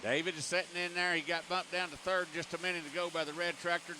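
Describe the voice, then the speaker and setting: A man's voice: on the high side, fairly even intonation, fast. A man calling a tractor pull as an announcer, with folksy, colloquial commentary. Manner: folksy, colloquial turns of phrase. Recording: noisy outdoor track with engine noise. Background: outdoor ambience and vehicle engines.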